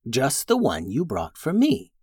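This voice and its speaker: A storyteller voicing a grumpy female crystal dragon who grumbles in a low, quiet voice. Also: wildly swooping pitch, measured pace, slightly rough, no echo, clean studio sound, exaggerated voice.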